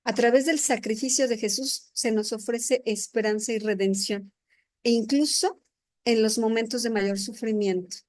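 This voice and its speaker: A woman with a somewhat high voice gives a sermon-style testimony as a church leader. She talks earnestly and keeps checking in with tag questions. She speaks into a microphone at an indoor gathering. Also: steady tone, normal speed.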